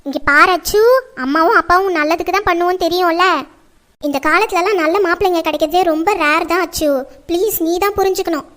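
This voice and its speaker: Casting: woman as fretful, lecturing mother, very high and piercing, family drama. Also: fairly quick, a bit bright. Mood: persuading. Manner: scolding, lecturing. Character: nagging middle-aged mother, strict and fretful.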